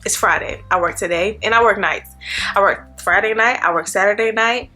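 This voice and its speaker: A young woman in her late twenties talks to her viewers in a loose, rambling vlog, calling them y'all. Her voice is bright and clear. Soft music plays faintly underneath. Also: mid-range voice, normal speed. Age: 20s. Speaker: vlogger, nursing student. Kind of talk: casual chat to camera.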